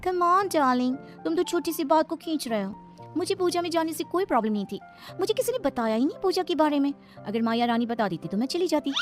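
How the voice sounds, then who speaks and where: A woman's voice: high voice, animated, a little fast, soft background music. A woman voicing a breezy, fashionable young daughter-in-law who mixes in English words. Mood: teasing. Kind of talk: animated storybook voice acting.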